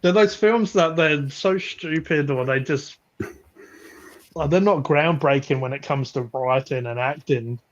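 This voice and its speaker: A man's voice: on the high side, unhurried, dull audio. A man chatting casually about films on a live stream, rambling with frequent restarts and laughs. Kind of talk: casual chat.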